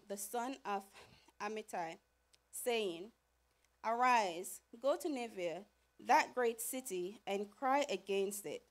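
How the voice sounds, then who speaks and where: A woman leading a church service, announcing a hymn and reading scripture with a few slips, heard from a podium mic in a sanctuary. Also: on the high side. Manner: measured reading with small slips. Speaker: service leader.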